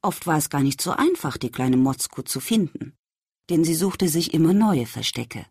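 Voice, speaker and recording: A woman reading a children's story aloud, speaking gently and addressing the young listener directly. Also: low-pitched, expressive, moderate pace, slightly rough, dry recording, clean studio sound.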